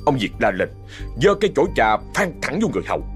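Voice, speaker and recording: Expressive storyteller, man. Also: mid-range voice, fast talker, soft background music. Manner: dramatic, expressive telling. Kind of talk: ghost story narration.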